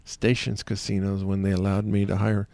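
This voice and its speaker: Radio host, male, low gravelly voice, dry close studio sound, casual rambling delivery. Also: flat delivery, normal speed, mellow, dry recording. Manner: rambling, with many fillers.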